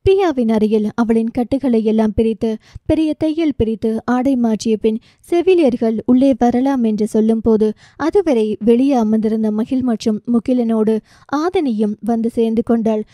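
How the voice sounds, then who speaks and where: A woman narrates a romance novel for an audiobook in a steady, even storytelling voice. Her tone is deeply mellow and dark though pitched a little high, and the recording is close and dry with no room sound. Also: normal speed, no echo.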